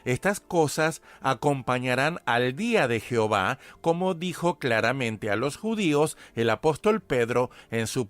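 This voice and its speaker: A man giving a radio Bible study, earnestly reading scripture aloud and speaking directly to the listener. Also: medium pitch.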